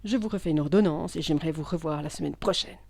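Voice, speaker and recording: A woman's voice: low-pitched, fast talker, gravelly, darkish tone, no room sound. Woman putting on a stern doctor guy in an audio story, curt and pushy with questions, dry sound. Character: skeptical male psychiatrist, stern and curt.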